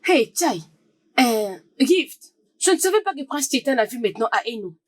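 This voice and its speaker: A woman voices a sly young friend in a dubbed film who teases and mocks. Her voice sits high, and the sound is close and dry. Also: sing-song, moderate pace, no room sound. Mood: placating. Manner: teasing, mocking.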